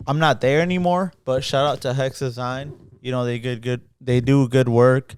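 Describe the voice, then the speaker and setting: A man's voice: medium pitch, steady tone, moderate pace, clean tone. A man who is a guest on a podcast, chatting casually in a rambling, slangy way and repeating himself. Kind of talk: casual chat.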